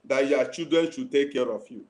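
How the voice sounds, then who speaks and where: A man's voice: mid-range voice, normal speed, darkish tone. A man giving earnest, pleading advice as a guest in an online interview, repeating his key points. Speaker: guest financial advisor.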